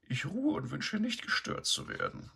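A man voicing a huge, domineering female sow who barks orders in a high, sharp voice. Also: wildly swooping pitch, moderate pace, gravelly, slightly rough, exaggerated voice. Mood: bossy. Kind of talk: storybook reading.

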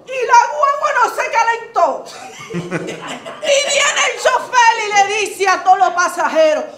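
A woman with a Dominican accent playing a loud, shameless, streetwise comic character who laughs through her story and keeps shouting "oh!" between lines. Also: extremely high pitch, full character voice. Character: brash streetwise woman, loud, shameless bus-dodging hustler. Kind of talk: stand-up comic monologue. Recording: echoey studio with background noise.

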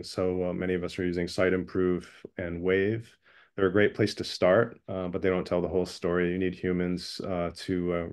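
A man reporting back from a breakout group in an online meeting, relaxed and full of fillers. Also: deep voice. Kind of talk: meeting report-out on a video call. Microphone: video call.

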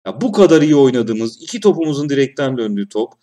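A man commentating his own football management game, shouting at goals and grumbling at his players' mistakes. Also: mid-range voice, big pitch swings, fast, distant mic. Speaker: gaming YouTuber.

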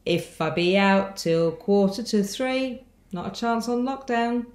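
Mid-pitched and a bit dark in tone, this woman of fifty moves at a measured pace in an echoey kitchen at home. She's jokey, slipping into song and tossing out asides while chatting on a video call, filmed up close by a home camera.

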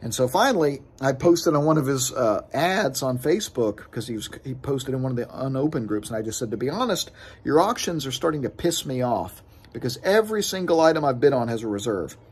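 A man in his thirties with a slightly husky voice, speaking close to a phone camera. He rants casually to his viewers and sounds annoyed as he explains himself. He is recorded outdoors on a house porch. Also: mid-range voice, sing-song, fairly quick. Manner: frustrated, talks with his hands. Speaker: sports card collecting vlogger. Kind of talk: casual vlog rant.

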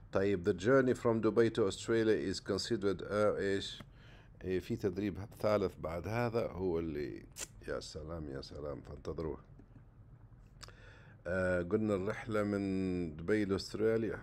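Guy teaching english vocab, deep voice, chatty, stretches out the english words. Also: creaky, darkish tone, a little hiss or hum. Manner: casual, chatty, jumps between Arabic and English, slow deliberate English words. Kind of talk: casual exam-prep lesson.

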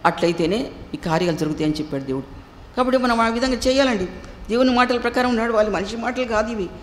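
A woman preacher delivering an emphatic sermon with a Telugu accent, repeating phrases and asking the listeners rhetorical questions. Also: medium pitch. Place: church hall. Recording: echoey hall with faint noise.

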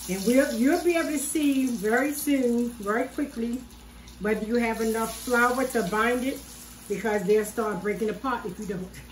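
With a fairly high-pitched voice and a bit of hiss or hum in the audio, an older woman hosts a home cooking video. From her kitchen she explains each step in an easygoing, homey way during this casual demonstration. The far camera on the counter records a roomy, distant sound.

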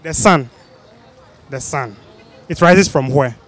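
A man's voice: on the high side, slow pace, fairly bright tone, some chatter behind. A young man with a West African, Ghanaian accent, putting quiz questions to people as a street interviewer. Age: young adult. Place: busy outdoor spot under a city flyover. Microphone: handheld microphone.

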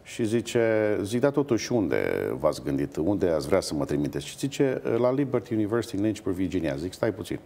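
A man's voice: fairly low pitch, hardly any pauses. A middle-aged man, an opera singer, telling stories with hesitations in a TV interview. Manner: animated anecdotes with hesitations. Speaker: guest, opera bass-baritone. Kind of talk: storytelling in a TV interview.

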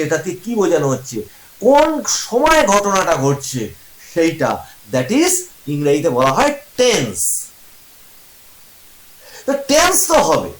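Male teacher, lively and high-pitched, keeps quizzing the class, echoey room. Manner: asks the class questions and answers them himself, repeats examples slowly. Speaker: English teacher. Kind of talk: classroom-style grammar lesson.

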